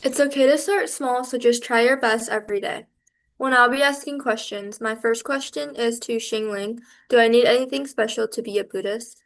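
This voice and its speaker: High-voiced woman presenting to a class. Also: moderate pace. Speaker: student presenter and quiz asker. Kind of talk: reading a prepared class talk.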